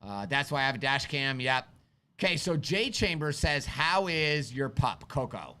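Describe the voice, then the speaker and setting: With a mid-range, very animated voice, bright and forceful at normal speed, a man who teaches firearms hosts a laid-back live stream. He answers viewer questions, tells animated stories, throws out rhetorical questions and chats with his kids.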